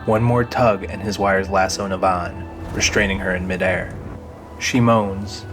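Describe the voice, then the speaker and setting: In a fairly low voice, a man narrates a scripted audio drama while music plays clearly behind his storytelling.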